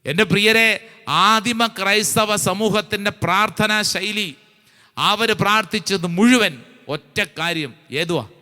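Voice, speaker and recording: A male priest delivers a charismatic retreat sermon in a high, bright and ringing voice. He presses his listeners with repeated rhetorical questions and slows to a deliberate pace when reading scripture. The sound carries the long reverb of a large hall. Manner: fervent, repetitive exhortation with rhetorical questions; reads scripture slowly and deliberately.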